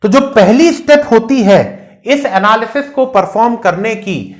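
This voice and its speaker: A man's voice: high voice, a little slow. Man tutoring, rhetorical questions, patient lecture. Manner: explains with rhetorical questions, mixing English terms. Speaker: engineering exam tutor. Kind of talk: casual classroom lecture.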